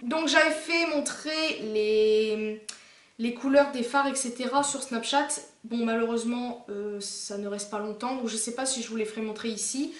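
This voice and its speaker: A woman's voice: a little high, normal speed. A young woman from France chatting casually through a makeup haul video, rambling with lots of fillers and restarts. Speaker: beauty vlogger. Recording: echoey room.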